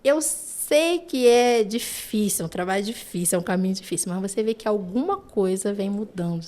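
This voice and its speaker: A woman with a Brazilian Portuguese accent, a children's ministry teacher, chatting on a podcast and telling lively stories with lots of "né" and "sabe". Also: medium pitch, moderate pace. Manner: animated storytelling, frequent "né" and "sabe". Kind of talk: casual podcast chat.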